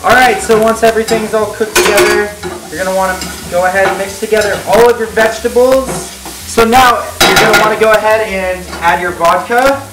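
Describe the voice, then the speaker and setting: Speaking fairly quickly in a steady, mid-range voice, a drunk home cook gives a loose, rambling tutorial full of crude profanity. It's recorded from a distance in a spacious kitchen, with loud music and a sizzling pan making heavy background noise.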